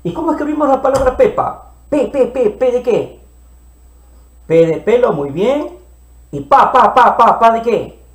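A man teaching children to read, playfully sounding out syllables slowly and repeating them. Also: very high voice, very animated, reverberant. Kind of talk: early reading lesson for children.

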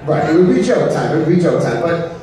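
A man's voice: a little high, big pitch swings, fast talker. An upbeat middle-aged man working a theater crowd as a cruise director, making announcements and telling jokes with a showman's delivery. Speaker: cruise director and stage host. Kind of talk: stand-up joke telling and announcements to a live audience. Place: large indoor theater stage. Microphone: handheld mic through PA, recorded from audience. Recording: echoey theater PA, distant, noisy.

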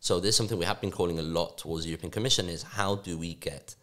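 A young man from Spain speaks with a deep, low voice at a brisk clip. He talks on a podcast mic in a small office studio, restarting sentences as he goes. His answers sound quick and eager. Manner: fast, animated, with frequent restarts and fillers. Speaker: youth forum board member, guest. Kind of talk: conversational interview answers. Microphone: podcast mic on stand, headphones.

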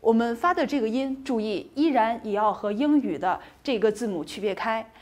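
A woman's voice: fairly high pitch, lively intonation, normal speed. A woman teaching a recorded pronunciation lesson, patient and encouraging, saying each sound twice and asking the class questions before answering them herself.

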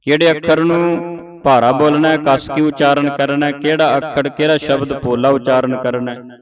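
A man teaching scripture pronunciation, slowly sounding out each word and checking that his student understands. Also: on the high side, fairly even intonation, muffled recording, crowd noise. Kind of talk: slow line-by-line recitation lesson.

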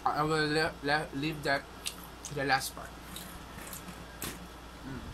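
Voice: medium pitch, little pitch movement, slow pace. A vlogger with a Filipino accent, chatting and humming between bites, chewing while talking in an indoor room. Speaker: mukbang vlogger. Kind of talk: casual chat while eating on camera. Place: indoor room with air conditioner. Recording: air conditioner noise behind.

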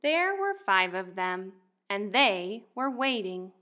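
A young adult woman who teaches first grade speaks clearly and expressively to young children, in the style of a picture book read-aloud. Her medium-pitched voice is very animated and sharp in tone, and she goes slowly.

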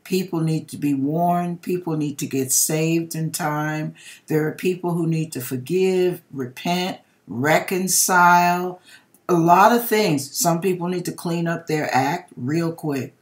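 An unhurried, low voice belongs to a middle-aged American host sharing viewers' dreams from her kitchen at home. Her reading is dramatic and emphatic, words drawn out, delivered directly to viewers.

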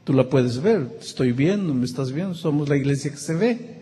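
A middle-aged male pastor preaching a sermon with emotive storytelling and dramatic pauses. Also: medium pitch, animated, dark tone. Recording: long reverb in a big hall, faint ambience.

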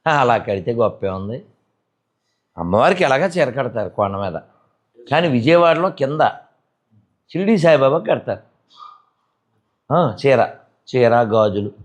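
A man delivers a religious talk. He scolds his listeners and fires off rhetorical questions one after another. His voice sits at an ordinary middle pitch for a man. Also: big pitch swings, a little slow, long pauses. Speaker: spiritual speaker. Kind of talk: religious discourse.

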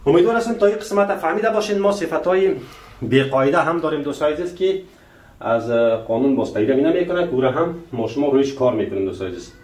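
This language teacher's voice is a little high, expressive and somewhat mellow as he leads a Persian-language French lesson. Calling viewers dear friends, he quizzes them with rhetorical questions and articulates French sentences slowly and deliberately. The room sounds reverberant, and he stands a bit away from the microphone.

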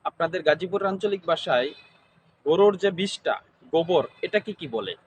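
A man's voice: high-pitched, expressive, normal speed, a little hiss or hum. A man interviewing, asking the same kind of question over and over. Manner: repetitive, formulaic questioning.

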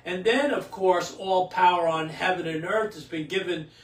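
An older priest's fairly high voice reads scripture and then preaches in a small home chapel. He sits back from the camera, so the sound carries a roomy echo. His readings are steady and measured, and his homily is looser, with repeated words and restarts. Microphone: camera a few feet away. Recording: roomy echo, distant from the mic.

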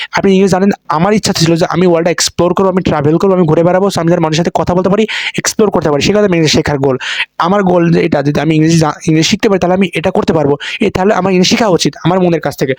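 A young man with a Bangladeshi accent giving advice on learning English in a casual talk to camera, talking in quick repetitive runs and mixing in English words. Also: a little high, no echo.

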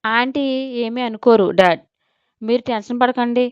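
A caring young daughter from an audio story speaks briskly and reassuringly, voiced by a woman reader. Her tone is smooth and a little high. The recording is dull and dry. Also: dry recording, natural voice.

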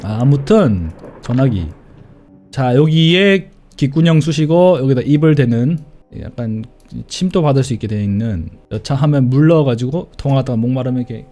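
A man's voice: medium pitch, warm tone. A man streaming a horror game with casual commentary, easily scared, grumbling and swearing as he plays.

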